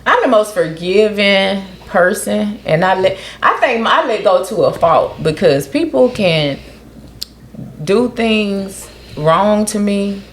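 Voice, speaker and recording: A woman co-hosting a casual podcast chat, animated and questioning, speaking. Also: mid-range voice, slow pace, slight background noise. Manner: animated, questioning, often quotes others in a raised voice. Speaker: podcast co-host.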